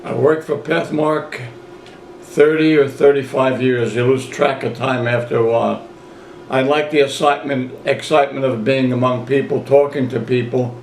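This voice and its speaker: A man's voice: medium pitch, fairly even intonation, normal speed, slight background noise. A man in his eighties reminiscing casually in an interview, a folksy storyteller who repeats his phrases and quotes people as he goes. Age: 80s. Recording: roomy, echoey home recording.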